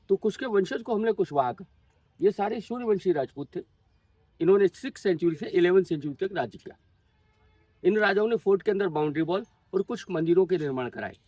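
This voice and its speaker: His voice sits high with a darkish tone, and there's no room sound as this tour guide shares local history with a group outdoors at a monument. He tells it patiently, story-style, dropping in English words and numbers.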